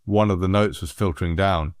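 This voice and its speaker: A middle-aged man from England, a music producer, telling anecdotes in a relaxed, animated way with frequent laughs. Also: low-pitched, brisk, clear, resonant tone, no room sound, clean studio sound. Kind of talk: relaxed storytelling.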